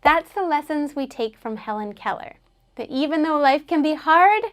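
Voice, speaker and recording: A woman's voice: high-pitched, lively intonation, normal speed, fairly bright tone. A woman teaching an English lesson, patiently explaining words and having learners repeat them after her.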